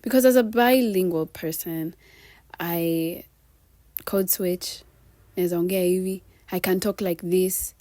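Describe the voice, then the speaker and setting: Speaking a little slowly in a lowish voice with no echo, this young vlogger has an American accent tinged with Kenyan. Her casual, animated talk to camera includes frequent laughter and performed impressions of the people she quotes.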